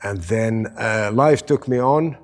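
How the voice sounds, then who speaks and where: A Finnish man in his fifties, fairly low-pitched and slow, chats casually as a podcast guest. He tells stories, makes self-deprecating jokes, and restarts now and then.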